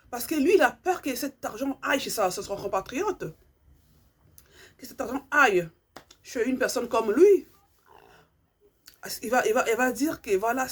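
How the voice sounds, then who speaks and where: A husky-voiced woman with a higher-pitched voice, a vlogger whose first language is Lingala, gives an impassioned monologue to her subscribers. She is earnest, repeats herself and searches for words.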